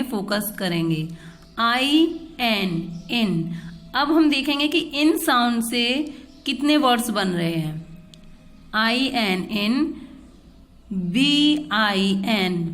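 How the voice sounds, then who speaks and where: In a phonics lesson for children, a woman spells each word out letter by letter and then says the whole word, mixing Hindi with English teaching phrases. Her voice is a little high and a bit bright.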